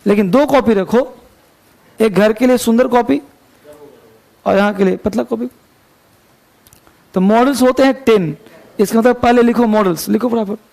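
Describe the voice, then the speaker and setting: A man's voice: very high voice, creaky, a little mellow. A man teaching an English grammar class, chatty and joking, quizzing his students as he goes. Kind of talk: classroom lecture.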